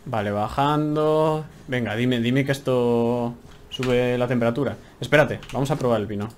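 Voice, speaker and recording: In a mid-range voice at normal speed, a young Spanish-accented streamer gives chatty, exclaiming let's-play commentary from home. Slight background noise is audible as he talks to himself during play.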